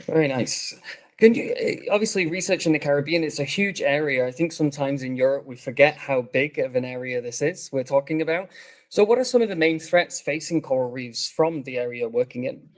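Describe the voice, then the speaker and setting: Man, slightly high voice, polite panel moderator. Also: a little fast. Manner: polite, introduces speakers and asks questions.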